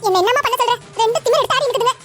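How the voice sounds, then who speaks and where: A woman voicing a sharp-tongued, defiant middle-aged wife in a cartoon family drama. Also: very high-pitched, rapid-fire, over loud music, voice pushed up. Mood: snappy. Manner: snappy, dismissive.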